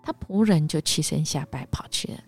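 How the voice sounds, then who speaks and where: A woman with a low, gravelly voice leads a devotional Bible storytelling segment. Her telling is animated, and she often sinks into hushed half-whispers. Soft music plays faintly behind her. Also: fairly quick. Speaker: devotional podcast host.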